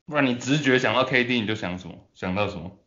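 A man with a Taiwanese Mandarin accent hosting casual sports banter in a teasing way, quick to laugh. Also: medium pitch, a bit bright, dull audio. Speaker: host.

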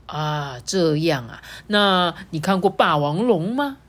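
A woman's voice: fairly low pitch, lively intonation, takes it slowly. A woman with a Taiwanese Mandarin accent voicing an old male tyrannosaurus who talks in a hesitant, stammering way. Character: old male tyrannosaurus, gruff but softening.

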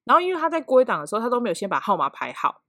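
A woman's voice: a little high, very fast, no room sound, studio quality. A woman in her thirties with a Taiwanese Mandarin accent, telling an office story in casual chat and acting out scenes with sound effects. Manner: animated, acts out scenes with sound effects and laughter.

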